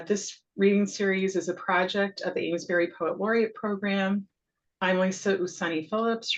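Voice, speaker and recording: A woman with a lowish voice, heard through dull audio, hosts a poetry reading on a video call. As the host and town poet laureate, she welcomes the audience and introduces the featured poet, saying "um" often.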